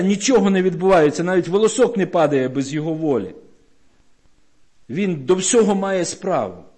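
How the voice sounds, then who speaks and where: A man's voice: fairly high pitch, a little mellow. A male preacher delivering a sermon in a church, pressing the congregation with emphatic, repeated rhetorical questions.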